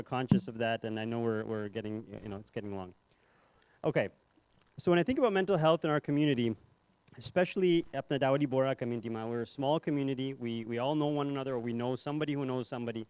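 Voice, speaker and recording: A man's voice: mid-range voice, a little mellow, smooth, dry recording. Young guy presenting at a conference, loose and chatty, lots of ums and restarts, dry close mic sound. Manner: conversational, self-deprecating, many fillers and restarts. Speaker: psychiatrist giving a conference talk. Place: hotel ballroom.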